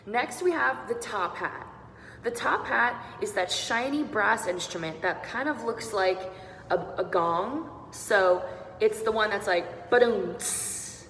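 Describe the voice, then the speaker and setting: A woman's voice: mid-range voice, animated, measured pace, a bit bright. A young woman singing teacher giving an upbeat online beatboxing lesson, walking learners through each sound step by step. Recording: roomy echo with long reverb and faint noise.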